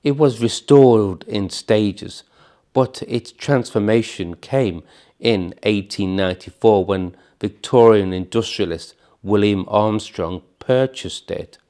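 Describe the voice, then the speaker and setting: A man reading scripted documentary narration in measured, solemn phrases with dramatic pauses. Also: lowish voice, mellow.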